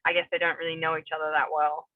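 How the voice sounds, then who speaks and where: A young New Zealand woman who is an MMA fighter chats casually as an interview guest, rambling with many fillers and restarts. Her voice is low-pitched and flat, and she talks fast. The remote call sounds tinny, phone-like, and dry, with no echo.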